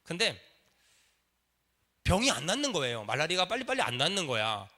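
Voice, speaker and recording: Bright, high-voiced preacher leading a congregation. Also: male voice, wildly swooping pitch, brisk. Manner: leads the congregation in call and response. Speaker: pastor. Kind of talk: sermon. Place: church sanctuary.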